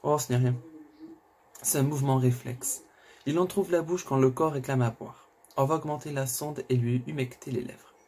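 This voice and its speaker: A man's voice: mid-range voice, steady tone, moderate pace, a little mellow, breathy edge. A man voicing a weary male nurse who talks in a curt, matter-of-fact way in a read-aloud thriller. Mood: dismissive.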